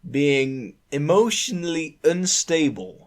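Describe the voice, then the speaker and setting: A man's voice: a little high, big pitch swings, slow pace. A man co-hosting a tabletop gaming podcast, talking hesitantly, often stumbling and repeating words. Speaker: podcast co-host and player. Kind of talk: casual podcast chat.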